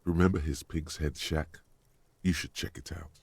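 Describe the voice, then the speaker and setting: A man's voice: fairly even intonation, moderate pace, a little mellow, dry recording, exaggerated voice. A man voicing the solemn narrator of a detective's inner thoughts in a video game. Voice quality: gravelly, breathy and deep.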